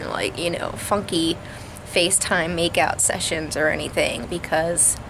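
A woman's voice: deep voice, steady tone, measured pace, creaky, background noise. A woman in her thirties chatting casually to camera, talking carefully through a swollen, sore jaw as if after dental trouble. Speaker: vlogger. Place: outdoors on a house porch. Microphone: camera at arm's length.

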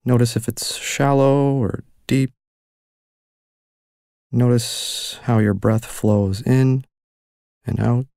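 A man acts as guide for a mindfulness meditation, offering calm, gentle, unhurried instructions with long pauses between phrases. His mid-range voice has a creaky quality. The recording is dry and studio quality.

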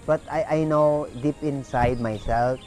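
A man's voice: medium pitch, steady tone, a little slow, a little mellow, soft background music. A Filipino man in his fifties, a pole dance teacher, musing and searching for words as he switches between Tagalog and English. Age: 50s. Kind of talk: reflective interview, mixing Tagalog and English. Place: outdoors by a river.

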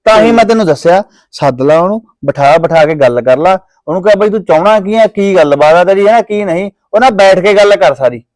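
A man's voice: high-pitched, animated, darkish tone, dry recording. A man playing a hot-headed young Punjabi villager. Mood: angry. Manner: heated, rapid, indignant ranting. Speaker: young heir of a farming family. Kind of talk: village drama acting.

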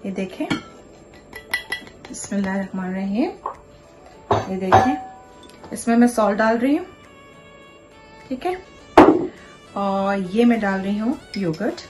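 A woman's voice: medium pitch, lively intonation, a little slow, long pauses. A woman in her thirties hosting a casual home cooking show, walking viewers through each step in her kitchen. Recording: background music under voice.

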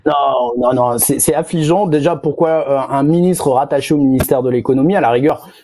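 A man's voice: fairly high pitch, a little fast, mellow. A man commenting on a casual talk-radio show, speaking emphatically and repeating words for stress.

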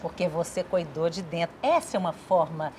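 A woman host asks short, prompting interview questions in a slightly low voice. A faint hum of ambience sits behind her. She keeps each question brief. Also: expressive, normal speed, a little mellow.

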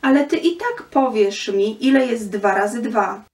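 A stubborn, mocking machine that booms out commands, played by a woman reading a storybook aloud. The voice sits a touch high and carries the reverb of an echoey room, heard from a distance. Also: lively intonation, measured pace, darkish tone. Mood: domineering. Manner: domineering, mocking. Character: menacing booming thinking machine, female, stubborn.

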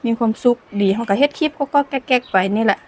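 Speaking in a slightly high, somewhat mellow voice at a quick pace, a Lao-accented woman from Laos hosts a casual cooking vlog in the sunshine. She's chatty and laughs often. The footage comes from her niece's camera.

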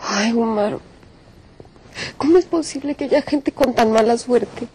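A woman's voice: fairly high pitch, a little slow, darkish tone, breathy edge. An actress playing a sorrowful female maid who is lamenting in a telenovela. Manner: dismayed, lamenting. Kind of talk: telenovela acting.

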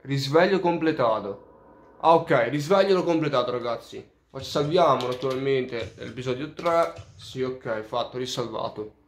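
A man chatting through a let's play, cursing often and admitting out loud that he is lost. His pitch sits at an ordinary middle. The sound carries a noticeable room echo. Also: animated, moderate pace, a little hiss or hum. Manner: profane, openly baffled. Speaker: gamer. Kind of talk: casual let's play commentary. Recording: roomy echo.

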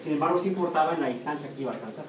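Speaking in a racing, somewhat high voice, a man with a Mexican Spanish accent lectures a university class, asking questions and supplying the answers himself. The recording is noisy and echoey, made from far away with a room or camera mic.

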